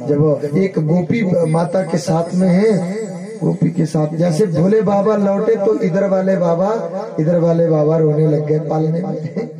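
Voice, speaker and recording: A male religious storyteller recounts a devotional tale with dramatic, animated delivery. His voice sits high for a man. Musical instruments play loudly throughout the recording. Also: a little slow. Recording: music loud in the mix.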